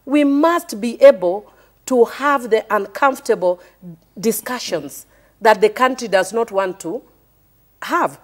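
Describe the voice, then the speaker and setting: Speaking at a measured pace in a fairly high voice with lively intonation, a Kenyan woman MP pushes her argument hard on a TV panel. The debate is heated, and she repeats her point insistently.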